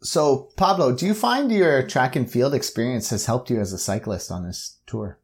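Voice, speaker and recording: A man hosting an interview podcast, reading a scripted intro and then asking relaxed questions. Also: medium pitch, moderate pace, husky. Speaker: podcast host.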